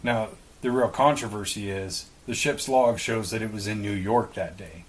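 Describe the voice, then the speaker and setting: A man's voice: fairly low pitch, moderate pace, poor audio. A man co-hosting a podcast, casually explaining a story with some swearing and speculation. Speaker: podcast co-host. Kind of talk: casual conversation.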